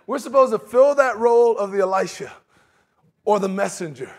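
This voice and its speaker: Preaching in a large church sanctuary, a middle-aged man speaks at a moderate pace in a high-pitched voice. His sermon has a conversational feel, and he puts on mocking voices to illustrate his examples.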